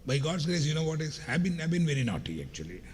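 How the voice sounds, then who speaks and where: A middle-aged man from India talks fast in a slightly high, sing-song voice that is scratchy and darkish in tone. His motivational keynote is chatty and humorous, built on anecdotes and direct address to the audience. Long hall reverb and faint background noise are audible.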